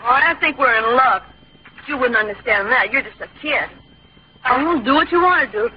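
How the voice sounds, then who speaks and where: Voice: sits high, expressive, normal speed, a little hiss or hum. A performer playing a cocky, condescending teenage boy who shows off his maturity in an old-time radio comedy. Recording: dull lo-fi old radio recording.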